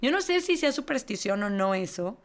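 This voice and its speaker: A woman's voice: a little high, sing-song, fairly quick. A woman with a Mexican accent co-hosting a casual podcast chat, laughing often and acting out what other people said. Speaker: podcast co-host.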